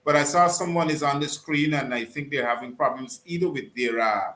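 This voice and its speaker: A man hosting a live online call-in talk show, courteous and unhurried, often trailing off and restarting. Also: mid-range voice, fairly bright tone. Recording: roomy echo.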